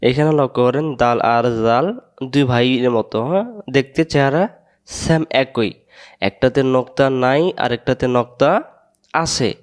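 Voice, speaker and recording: A man with a Bangladeshi Bengali accent, teaching Quran letters and their pronunciation in a slow lesson where he drills each sound and asks the class to repeat it. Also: mid-range voice, smooth.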